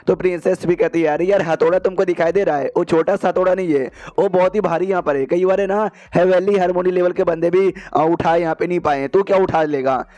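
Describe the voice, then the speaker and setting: A man's voice: sits high, steady tone, fairly quick, few pauses, a little mellow, no echo. A man narrating a comic story recap in a casual, slangy way, quoting the characters as he goes. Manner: chatty, slangy, quotes characters in passing.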